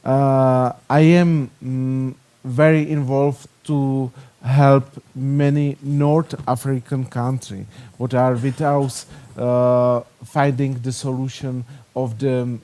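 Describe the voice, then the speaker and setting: On a conference panel, a Czech man speaks halting, non-native English in a Czech accent, leaning on plenty of fillers. His mid-range voice is mellow, and his delivery is flat.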